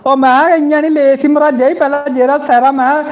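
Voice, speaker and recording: Animated Jammu man spinning a yarn. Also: very high-pitched, brisk. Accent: Dogri, Jammu. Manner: animated storyteller, bursts into quoted voices. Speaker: comedy channel host. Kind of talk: live stream storytelling and comment reading.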